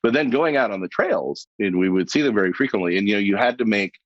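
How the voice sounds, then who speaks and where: Lively lower-voiced man telling stories. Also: fast talker. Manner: lively storyteller, laughs as he tells anecdotes. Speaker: guest. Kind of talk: storytelling in a podcast interview. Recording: dull lo-fi sound, dry.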